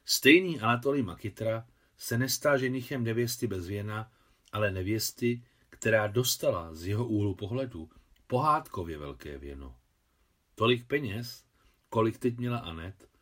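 A man narrating a translated novel as an expressive literary audiobook reading. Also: mid-range voice.

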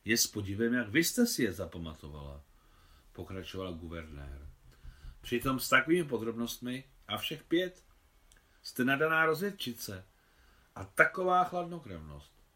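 A commanding colonial governor of middle age speaks crisply and gives orders, voiced by a man reading a novel. His tone is bright and forceful. It is a storybook reading. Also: mid-range voice, big pitch swings. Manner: brisk, giving orders.

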